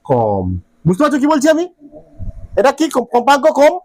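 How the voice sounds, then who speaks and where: A man's voice: very high-pitched, huge pitch swings, brisk, a little mellow, no room sound. A man teaching a physics class, repeating his questions to the students and checking often that they follow. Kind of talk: classroom lecture.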